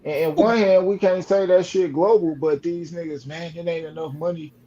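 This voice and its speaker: A man's voice: fairly high pitch, fairly even intonation, moderate pace, dark tone, slight background noise. A man in heated casual sports banter, combative, slangy and heavily profane, recorded on dull lo-fi audio.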